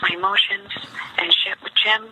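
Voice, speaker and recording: Played back through speakers, a noisy lo-fi voicemail captures a woman complaining and accusing in a rambling, repetitive personal message. She speaks at a medium pitch, in a steady tone and at a moderate pace.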